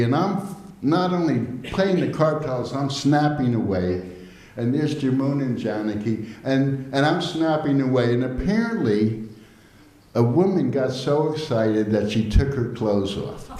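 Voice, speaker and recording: An older man in his seventies tells anecdotes to a gathered audience, chuckling now and then as he goes. His voice is mellow and relaxed. The room around him rings with a roomy hall echo. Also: medium pitch. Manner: lively storytelling, chuckling often. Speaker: devotional storyteller. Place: temple hall.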